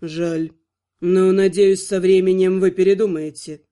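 A woman voicing a charming, suave male archvampire ruler who speaks smoothly and with mocking politeness, in an audiobook. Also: lowish voice, little pitch movement, unhurried, warm tone, pitched below the performer's own voice, natural voice.

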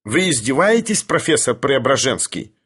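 A man's voice: mid-range voice, sing-song, moderate pace, a bit bright, slightly rough, full character voice. A man voicing a resentful, combative house-committee chairman who speaks with pushy indignation. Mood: indignant. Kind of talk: audiobook character voice.

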